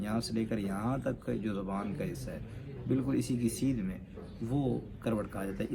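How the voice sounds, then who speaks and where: A man teaching Quran pronunciation, explaining letter sounds and drawing out the model syllables slowly. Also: fairly low pitch, creaky, background noise. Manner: slow, drawn-out model pronunciations; explains with pointing gestures. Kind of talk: tajweed lesson.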